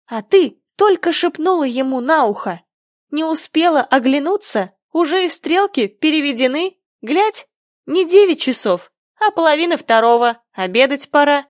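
A woman's voice: high-pitched, animated, normal speed, no room sound, clean studio sound. A woman reading the lines of a cheeky know-it-all boy in a storybook, teasing and mocking.

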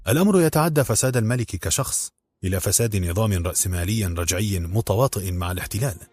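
A man voicing a serious female political activist in an audiobook, earnest and grave, with a husky, low voice. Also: expressive, fast, darkish tone, dry recording, clean studio sound, faint music behind.

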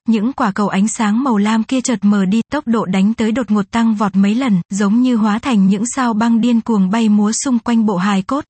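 A woman narrating a fantasy novel in a steady, even reading style. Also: on the high side, breathy edge, no echo. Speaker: audiobook narrator.

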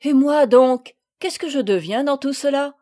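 A woman's voice: high-pitched, measured pace, dark tone, no echo, studio quality, voice pushed up. A woman doing a blunt, teasing young girl.

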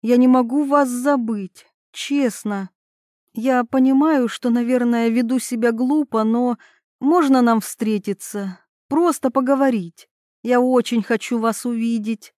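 Woman reading a scheming woman, sharp and cold, a bit high. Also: a little slow, no room sound, clean studio sound, natural voice. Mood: pleading. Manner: sharp and dismissive.

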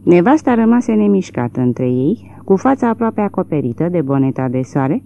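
A woman reading a literary novel aloud in a measured, expressive way. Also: lowish voice, creaky, dull audio, a little hiss or hum. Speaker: audiobook narrator. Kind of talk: literary audiobook narration.

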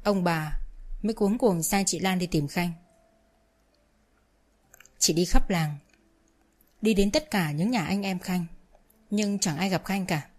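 A woman narrating a story with a steady, plain reading. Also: fairly low pitch, slow pace, pauses often.

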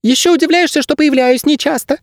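A man voicing a smug little male bird guide in an audiobook, with a thin squeaky voice and an evasive, boastful manner. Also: fairly quick, no room sound, studio quality. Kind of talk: audiobook character voice.

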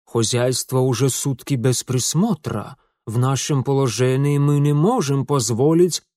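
A man voicing a pedantic, thorough German landowner who speaks deliberately. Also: mid-range voice, a little mellow, no room sound, studio quality, natural voice. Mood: flustered.

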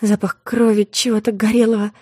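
A woman narrating a dramatic first-person story in a soft, low, intimate way, as an audiobook reader. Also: level tone, a little fast, slightly rough, no echo, studio quality.

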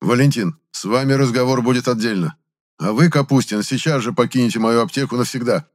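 A man's voice: mid-range voice, a little fast, darkish tone, pitched above the performer's own voice, natural voice. A man voicing a strict, fussy older male pharmacist who barks curt orders. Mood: stern. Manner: barking, curt.

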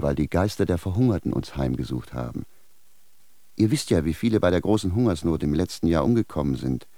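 An actor playing a confused, blunt village shoemaker who speaks plainly and indignantly in a radio drama. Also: male voice, low voice, mellow, no echo. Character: bewildered male village shoemaker, blunt, stubborn.

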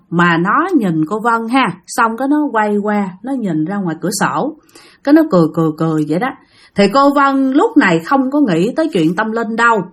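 A woman's voice: on the high side, fairly bright tone. A woman with a Southern Vietnamese accent telling a ghost story and chatting directly to her listeners. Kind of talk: spoken ghost-story narration.

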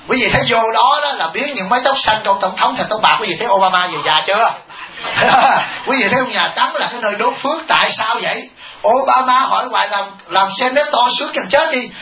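A male Buddhist monk giving a humorous dharma talk, asking the audience rhetorical questions and chuckling. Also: high voice. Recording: echoey, muffled hall recording.

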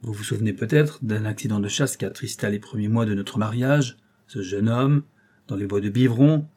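A man's voice: on the low side, normal speed, darkish tone, natural voice. A man reading an audiobook, voicing an enraged, guilt-torn aristocratic count who speaks with vehement, bitter anguish. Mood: anguished confession.

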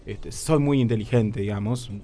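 A young Rioplatense Spanish speaker, voice on the low side and at normal speed, spins a funny story for a radio program with music in the background. He's lively, performs his own lines, and uses crude slang.

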